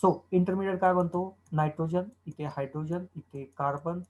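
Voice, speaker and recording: A man's voice: fairly high pitch, fairly even intonation, moderate pace, a little mellow, muffled recording. A man lecturing on chemistry, explaining step by step and answering his own questions. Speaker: chemistry teacher. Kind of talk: classroom lecture.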